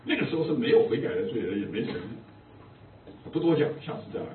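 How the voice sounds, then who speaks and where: A man's voice: medium pitch, expressive, fast, a little hiss or hum. Older guy pastor preaching, funny stories, sounds far off and tinny like a phone. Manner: humorous anecdotal storytelling. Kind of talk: sermon. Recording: distant echoey phone-like recording.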